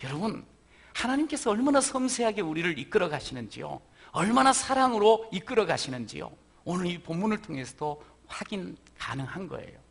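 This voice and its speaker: A middle-aged male pastor preaching a sermon in a church, moving between soft, gentle passages and loud, emphatic peaks. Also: high-pitched, very animated, brisk, vocal fry, breathy edge. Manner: swings from soft, hushed voicing of God's gentle words to loud, emphatic preaching. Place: church sanctuary.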